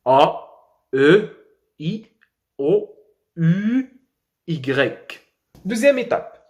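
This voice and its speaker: A young man with a Moroccan accent teaching a French lesson, spelling letters slowly and drilling words, with quick asides in Arabic. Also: a little high.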